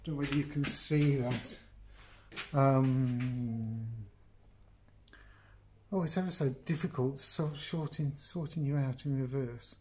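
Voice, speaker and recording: Slow and often pausing, a middle-aged English man with a darkish, medium-pitched voice and fairly even intonation walks the viewer through woodworking in his workshop. The phone camera on his bench, which he moves around, picks up a little hiss or hum. As a video host he's chatty, rambling and prone to interrupting himself.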